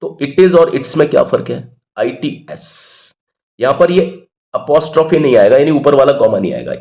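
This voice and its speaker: Brisk and sing-song, with a darkish mid-range voice, a man teaches English grammar in a Hindi-medium lesson. He is patient in his explanations, keeps repeating important words, and poses questions only to answer them himself.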